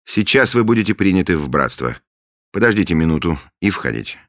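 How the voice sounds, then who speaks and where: A man with a low voice, pushed above his natural pitch, performs a heavily acted audiobook character: the grandiose middle-aged leader of a secret order. Brisk and full of big pitch swings, he makes pompous, solemn, imperious pronouncements that later turn loud and hearty, in dry, studio-quality sound.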